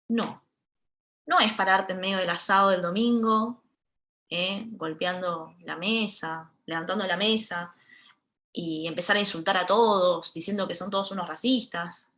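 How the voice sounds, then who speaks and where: A woman's voice: mid-range voice, pushed and bright. A woman in her twenties from Buenos Aires with a Rioplatense accent, giving an earnest lecture talk in short, emphatic phrases. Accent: Rioplatense Spanish. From Buenos Aires, Argentina. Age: 20s. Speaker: panel speaker.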